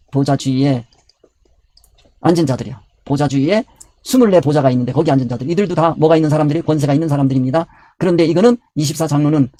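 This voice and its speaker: Husky, dark-voiced man teaching scripture. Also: on the high side. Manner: repeats key words, asks and answers his own questions. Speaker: pastor. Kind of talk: Bible study sermon.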